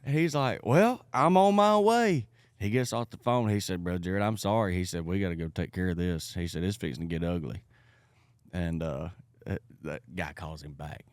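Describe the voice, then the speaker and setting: A man, an evangelist guest telling a folksy story in an animated way. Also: deep voice, brisk, no echo, clean studio sound. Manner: folksy, drawling anecdotes with lively voiced quotes.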